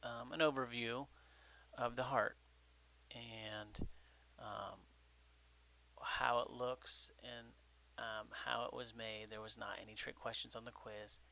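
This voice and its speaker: Gravelly-voiced man teaching a lecture. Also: medium pitch, fairly even intonation, sharp tone. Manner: halting, filler-heavy explaining with frequent okay checks. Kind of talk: recorded classroom lecture.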